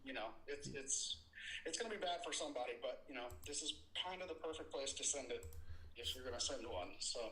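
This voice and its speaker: A man's voice: mid-range voice, lively intonation, fairly quick, pushed and bright, slight background noise. A man working as a storm chaser gives an unscripted live report in a rambling, informal, matter-of-fact way. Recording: roomy, echoey sound.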